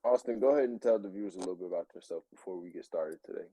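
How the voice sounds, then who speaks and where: A man's voice: low voice, very fast, no room sound, low-quality recording. A young man co-hosting a casual podcast, telling tall tales with a straight face. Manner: playful, tells tall tales deadpan. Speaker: podcast co-host. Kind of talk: casual joking chat.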